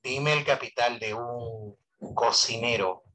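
A male teacher lecturing on economics to an online class through a voice amplifier. He keeps asking his students questions and repeats key phrases to drive each point home. His voice sits at an ordinary middle pitch. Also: takes it slowly, bright, forceful tone, low-quality recording. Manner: asks students constant rhetorical questions.

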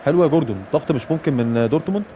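A man with an Egyptian Arabic accent commentating his own football management game, cheering and shouting at his players. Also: fairly high pitch, animated, rapid-fire, dull audio, a little hiss or hum. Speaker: gaming YouTuber playing a football manager career mode. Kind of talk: live gameplay commentary.

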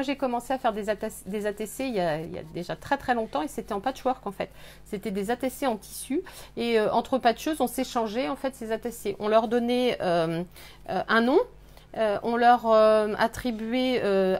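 A woman hosting a live scrapbooking workshop, explaining techniques with many pauses and fillers. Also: mid-range voice, a little mellow. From France. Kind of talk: live craft demonstration. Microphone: webcam on a live stream.

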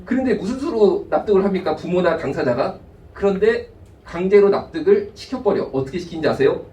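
A man preaching with a high-pitched voice, lively and acting out little asides. His voice rings through an echoey sanctuary and sounds set back from the mic. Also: brisk, far from the mic, highs cut off. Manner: animated preaching, voices God and people in asides. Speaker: pastor. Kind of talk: sermon. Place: church sanctuary.

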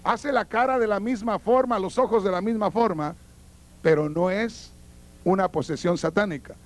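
A man's voice: high voice, moderate pace. A man, a pastor, giving an earnest teaching sermon and addressing the congregation directly. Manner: acts out quoted voices in his teaching.

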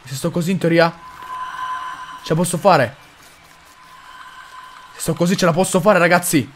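A young man commenting on a horror game as he plays, excitable, with mild cursing and lots of talk to his viewers. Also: fairly high pitch, normal speed, a little hiss or hum. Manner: excitable, swears mildly, addresses viewers. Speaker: gaming video host.

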